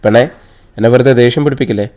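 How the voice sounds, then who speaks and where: A man's voice: medium pitch, racing, darkish tone, lightly acted. A man reading the part of a stern, worried middle-aged mother who scolds her daughter.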